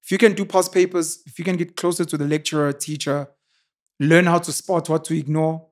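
A man's voice: a little high, steady tone, fairly quick. A man in his thirties with a South African accent, telling stories confidently as a guest in a casual studio interview, speaking into a podcast mic. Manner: confident, expansive storytelling. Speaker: podcaster and YouTuber. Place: studio with sofas, indoors. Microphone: boom-arm podcast mic.

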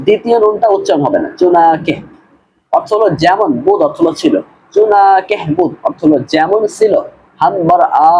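A madrasa grammar teacher leads a screen-based recorded class, patiently translating a text word by word, line by line, while repeating and correcting pronunciation. His voice is high and a little mellow, with the highs cut off and slight background noise.

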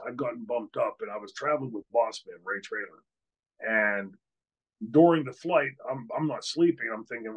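An older man, a podcast host who used to wrestle, tells a story during an interview over a webcam video call from a hotel room. His husky, medium-pitched voice comes through on a low-quality recording, and he sounds candid and outraged, with lots of fillers and restarts.

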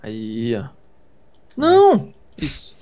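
A man's voice: medium pitch, wildly swooping pitch, drawn-out words, dark tone. A man with a Brazilian Portuguese accent in casual gaming chat, playful and exclamatory, thinking aloud as he crafts. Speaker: gamer co-playing.

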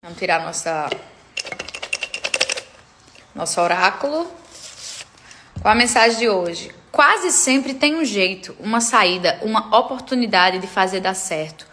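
A woman's voice: mid-range voice, expressive, unhurried, pauses often, pushed and bright. A woman, chatting playfully in a casual vlog and fussing over her pets. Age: 30s. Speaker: digital influencer.

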